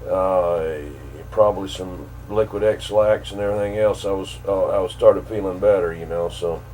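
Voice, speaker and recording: A man's voice: low-pitched, steady tone, normal speed, darkish tone. A man in his fifties or older chatting casually as a radio operator, rambling in a folksy way with radio slang. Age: 50s or older. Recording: clear background hum and noise.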